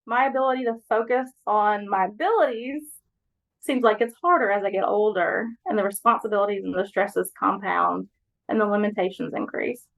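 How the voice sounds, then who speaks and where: A woman's voice: mid-range voice, normal speed, creaky, rough recording. A woman from Alabama, a podcast guest speaking earnestly and encouragingly about her own experience. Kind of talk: reflective personal talk.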